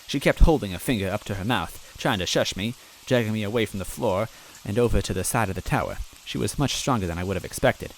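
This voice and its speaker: He reads a fan story aloud in first person, rushing along with few pauses in a voice on the low side. The recording quality is poor, and he comes across as earnest, timid and self-deprecating.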